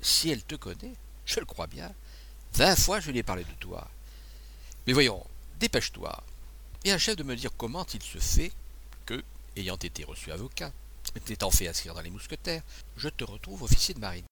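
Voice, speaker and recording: A fretful, kindly abbé who stammers and frets aloud, as a male reader puts him on, his gravelly voice swinging lively up and down. He sounds anxious and easily flustered, a storybook priest. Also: mid-range voice, normal speed, exaggerated voice. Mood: fond.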